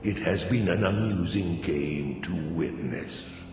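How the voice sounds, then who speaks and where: An actor voicing an imperious, menacing demon god of destruction in a video game, speaking in commanding, godlike pronouncements. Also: male voice, low voice, slow pace, a little mellow. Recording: cavernous echo and long reverb, music behind.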